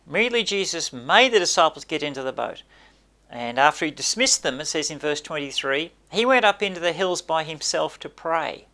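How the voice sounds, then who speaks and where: An older pastor delivers a sermon in a small church, speaking to a camera. He preaches emphatically and gestures a lot, rising on key words and sinking his voice low at the close of each point. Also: lively intonation, a little fast, sharp tone. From Australia. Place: small indoor church space by a brick wall.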